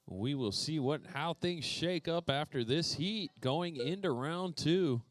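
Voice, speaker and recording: A man calls an RC race in a playful, joking way, naming each driver as they go. His pitch swings widely and sits a little high, and the sound is dry with no room echo. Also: lively intonation, a little slow. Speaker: RC race announcer. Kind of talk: live race commentary. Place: indoor RC racetrack.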